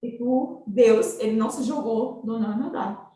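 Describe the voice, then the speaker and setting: A middle-aged mother giving a halting, emotional personal testimony in a webinar. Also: fairly high pitch, warm tone. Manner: emotional, halting, many fillers. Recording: roomy, distant from the mic.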